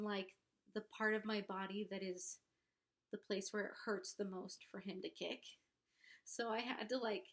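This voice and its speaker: A young female vlogger talks to the camera slowly at a mid-range pitch, her voice congested; she is pregnant. Her casual, confessional chat comes out candid and halting, a little self-conscious.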